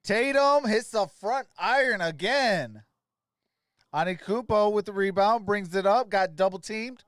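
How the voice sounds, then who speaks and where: In an unhurried, high voice with a fairly bright tone, a man calls plays on a live sports stream. He chats informally and addresses viewers by name. The audio is studio quality, with no room sound.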